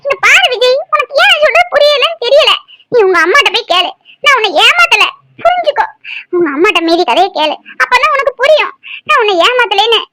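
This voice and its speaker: A woman doing a shrill pleading ex-lover. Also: sing-song, a little fast, sharp tone, slight background noise, exaggerated voice. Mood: exasperated. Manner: pleading, exasperated. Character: young woman, defensive ex-lover, tearful and pleading.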